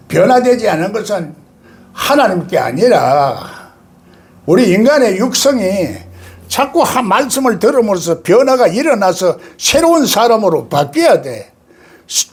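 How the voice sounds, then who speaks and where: An older pastor delivers a sermon in a high, sing-song voice. His pitch leaps around constantly, and he breaks into sudden loud outbursts and laughter.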